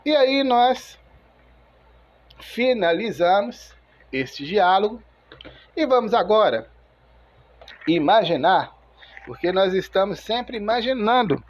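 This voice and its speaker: Slow, methodical man teaching a lesson. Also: sits high, expressive, lo-fi sound. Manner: slow, methodical, spells out sounds word by word. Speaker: English teacher. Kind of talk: video lesson explanation.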